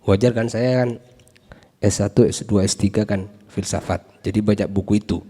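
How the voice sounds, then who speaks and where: A man's voice: fairly low pitch, steady tone, moderate pace, dark tone, slightly rough. A man giving a lecture-style talk at a literature discussion, emphatic and rhetorical, often repeating short phrases for effect. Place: campus hall. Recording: long hall reverb.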